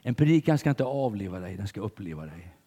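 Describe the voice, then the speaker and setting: An older man preaching a sermon in church, telling stories with big swings between loud and hushed delivery. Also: fairly low pitch, very animated, breathy edge, big-room sound.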